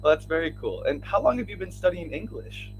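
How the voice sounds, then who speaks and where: A man's voice: fairly high pitch, big pitch swings, a little fast, slight background noise, low-quality recording. Friendly Midwestern man tutoring. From Minnesota, United States. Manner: friendly, laughs often, asks easy questions. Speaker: English tutor. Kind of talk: casual conversation. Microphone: video call.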